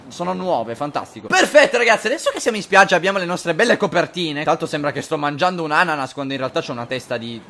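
A young man doing casual game commentary, animated and crude, often shouting and laughing. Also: on the high side. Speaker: gaming video host. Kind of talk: casual Let's Play commentary.

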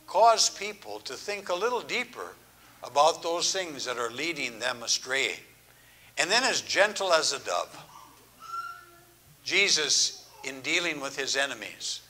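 An older man, a grandfather, preaching a sermon in an earnest, measured way, letting phrases trail off softly. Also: on the high side, a little hiss or hum. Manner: earnest, measured, drawn-out phrasing with soft, hushed endings. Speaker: pastor. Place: church.

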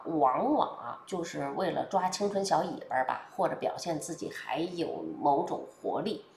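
Lively woman with a twang. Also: on the low side, vocal fry, a little hiss or hum. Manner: lively, chatty, colloquial, with frequent hesitations. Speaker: political commentator. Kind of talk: casual spoken commentary. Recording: roomy echo.

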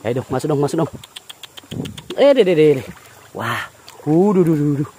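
An excitable man narrates his riverside catch in a high, lively voice that leaps up and down. He keeps exclaiming and coaxing the fish into his trap. A faint outdoor hiss sits under the voice. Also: moderate pace. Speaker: fishing vlogger. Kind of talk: excited vlog commentary.

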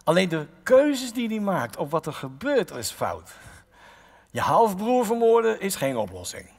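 A man's voice: high-pitched, unhurried. A Dutch man preaching a sermon as pastor, retelling a Bible story with acted-out lines and direct questions to his listeners. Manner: lively storytelling, voicing biblical characters, direct questions to the congregation. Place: church hall. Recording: long church reverb.

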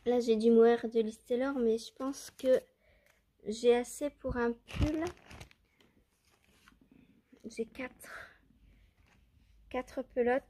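At home with her yarn stash, a knitting vlogger holding a phone in hand chats casually to viewers as she picks yarns. Her slightly high, dark-toned voice has fairly even intonation, and she takes it slowly with long pauses, musing hesitantly amid many fillers and self-questions. There's a little hiss or hum.

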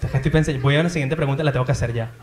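A man's voice: mid-range voice, racing, roomy sound. A man with a Venezuelan accent doing playful, teasing crowd work on a theater stage. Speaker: stand-up comedian. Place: theater in Madrid.

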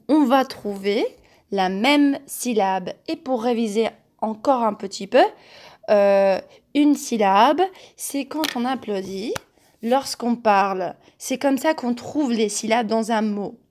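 A woman teacher giving a slow, patient homework lesson to young children, repeating each word several times. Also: fairly high pitch, a little mellow. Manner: patient, repeats words and syllables, claps.

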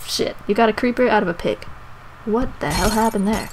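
A young woman giving casual, jokey commentary while she plays a video game, swinging from low mutters to sudden yelps. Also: brisk, a little hiss or hum, low-quality recording. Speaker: let's play gamer.

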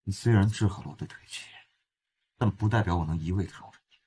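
A man playing a proud, jealous, domineering husband in a short melodrama, with a husky voice. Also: low voice, fast, dark tone. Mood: jealous anger. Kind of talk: melodramatic short-drama acting.

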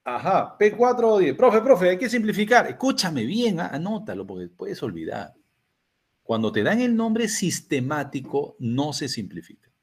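A man's voice: a little high, huge pitch swings, normal speed, slightly rough. An older man with a Peruvian Spanish accent teaching a chemistry class, asking students questions and answering them himself. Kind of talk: classroom lecture.

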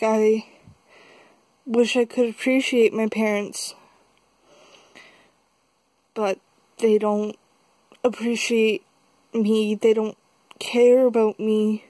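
A young woman talking haltingly in a confessional vlog, upset and tearful, as if she has just been crying. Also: a little high, warm tone, no echo, low-quality recording. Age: young adult. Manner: halting, slow, with long pauses. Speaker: vlogger. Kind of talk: confessional vlog, casual talk. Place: small dim room indoors. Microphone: phone held close.

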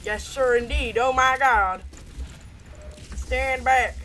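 A woman's voice: high voice, takes it slowly, sharp tone, slight background noise, voice pushed up, full character voice. A woman putting on a boastful, folksy frontier deputy who drawls and keeps saying sir, during video game commentary. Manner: drawling, says sir a lot.

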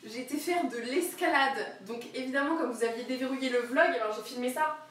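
This young woman streamer, high-voiced and fairly bright in tone, talks briskly and casually as she cooks live at home, giggling through rambling tangents. Soft music plays in the background; the camera on a wobbly tripod across the very echoey kitchen picks her up from afar.

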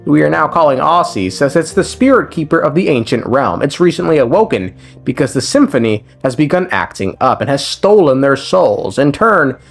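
Music plays beneath this man's slightly high, breathy-edged voice. He's narrating a casual, slangy recap of a game's story, irreverent in tone and cursing without restraint.

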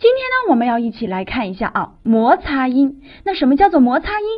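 High, lively female teacher, lo-fi. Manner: lively, explanatory teacher's voice with drawn-out particles. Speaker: English teacher. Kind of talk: classroom lesson on phonetics. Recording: dull lo-fi recording.

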